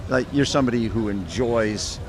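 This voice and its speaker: A man's voice: mid-range voice, moderate pace, over music. A middle-aged man hosting an interview, enthusiastic and rambling, often acting out imagined thoughts. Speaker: interview host. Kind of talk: casual interview. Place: outdoor race expo with crowd. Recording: outdoor crowd noise behind. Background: crowd chatter.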